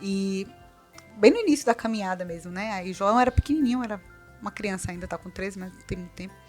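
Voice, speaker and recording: A middle-aged Brazilian woman speaking as a guest in an interview, earnest and animated, repeating points for emphasis. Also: medium pitch, fast talker, soft background music. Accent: Brazilian Portuguese. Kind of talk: conversational interview.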